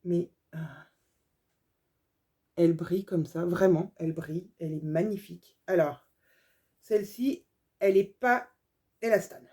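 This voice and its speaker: A woman's voice: fairly low pitch, a little slow, pauses often, warm tone. Chatty French woman gushing over lace. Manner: chatty, gushing over small details, many fillers. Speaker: sewing vlogger. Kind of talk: casual haul video.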